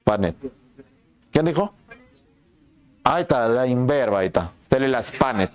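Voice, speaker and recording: A male anatomy teacher giving a lively classroom lecture, asking questions and answering them himself, sometimes voicing the students. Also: medium pitch, normal speed. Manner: asks and answers his own questions, plays the students' lines too.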